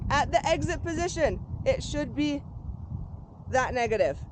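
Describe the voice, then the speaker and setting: A woman coaching paddlers in an informal, encouraging way, giving careful, unhurried step-by-step instructions outdoors. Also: high voice, animated. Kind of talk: hands-on sports instruction. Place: outdoors on a boat. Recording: very noisy outdoor recording.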